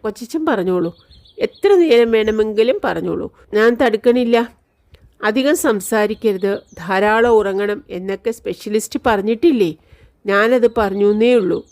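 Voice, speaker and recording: A woman voicing a caring grown niece who gently coaxes and lightly scolds her sick uncle. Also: medium pitch, normal speed, natural voice. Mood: coaxing.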